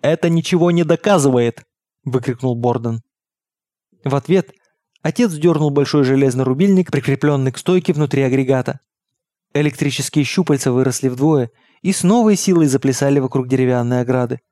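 A man reading an audiobook in steady, measured narration. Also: medium pitch, no echo, clean studio sound. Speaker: audiobook reader. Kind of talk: scripted narration.

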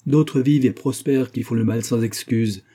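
A man reading an audiobook voices a passionate, desperate young lover in an intense, impassioned way, with a husky voice. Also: lowish voice, steady tone, normal speed, mellow.

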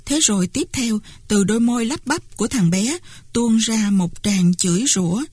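A woman narrating a novel in the first person, in a steady storytelling manner, on a close microphone. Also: fairly high pitch, normal speed, husky, no room sound. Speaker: audiobook narrator. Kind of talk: scripted narration.

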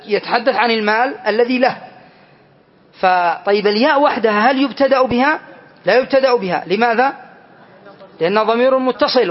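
High-voiced man teaching grammar. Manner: explains step by step, asks the class questions. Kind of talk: classroom grammar lesson. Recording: dull lo-fi lesson recording.

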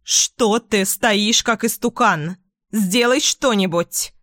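A woman voicing a furious middle-aged mother in an audiobook, shouting scornful accusations. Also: mid-range voice, slow pace, no room sound, clean studio sound. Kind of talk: audiobook character voice.

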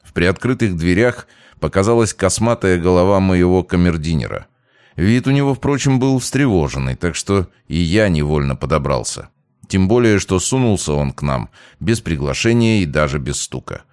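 Male narrator, low voice, animated delivery, first-person audiobook reading. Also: moderate pace, dry recording.

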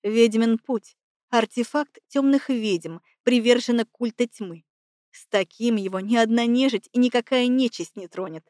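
A woman voicing a smug, cynical young man who talks in a mocking, unhurried drawl, lower than her own voice. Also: a little mellow, no echo, clean studio sound, close to an everyday voice.

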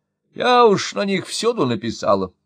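A man's voice: high-pitched, wildly swooping pitch, moderate pace, no echo, voice pushed up, full character voice. A man doing a fussy, proud old mother. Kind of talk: audiobook character voice.

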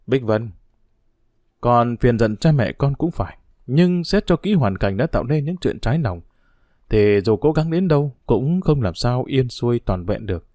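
A man voicing a middle-aged father who explains himself in a measured, patient way. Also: mid-range voice, darkish tone, dry recording, clean studio sound, natural voice.

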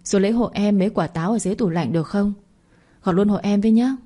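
A woman voicing a spoiled, bossy young sister-in-law who talks loud and sharp-tongued in an audio story. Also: medium pitch, fast, close to an everyday voice. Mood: demanding.

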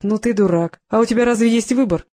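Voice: mid-range voice, quick pace, dark tone, natural voice. Reader doing a sneering male bomber. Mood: mocking. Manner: sneering, taunting. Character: menacing male bomber, taunting and mocking.

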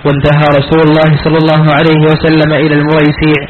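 A man reads a religious text at a fast clip in a monotone, barely moving his pitch. His voice sits a little high and comes through a thin phone-like line with light hiss. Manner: flat, quick reading. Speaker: student reading the text aloud. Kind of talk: reading a book aloud in a lesson. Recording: tinny phone-like recording with faint hiss.

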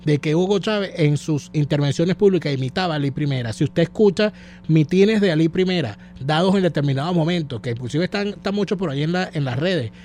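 A man's voice: fairly high pitch, animated, fast talker, darkish tone, soft background music. A man with a Venezuelan accent hosting a radio show, reading messages and taking calls with blunt, sardonic remarks. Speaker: radio host.

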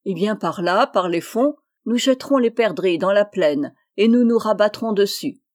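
A woman's voice: medium pitch, lively intonation, moderate pace, darkish tone, lightly acted. A woman voicing a middle-aged country landowner, hearty and firm in his commands, in a read-aloud story.

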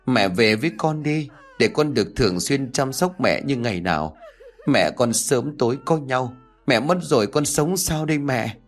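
Man doing a harsh, bossy daughter-in-law, shrill, domineering, lively pitch, storybook reading. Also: fairly quick, soft background music. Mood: false wailing. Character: greedy, domineering eldest daughter-in-law, woman.

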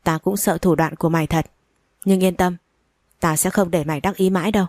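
A woman voicing a harsh, foul-mouthed older mother-in-law who hurls insults, in a low voice. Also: steady tone, fairly quick, no room sound, natural voice. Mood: muttering. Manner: shouting insults.

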